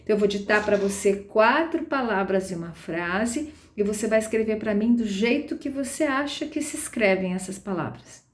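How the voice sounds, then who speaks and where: A woman's voice: mid-range voice, animated, normal speed, few pauses. Woman, patient lecturer, explains step by step with tag questions, recorded in a roomy space. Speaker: literacy teacher trainer.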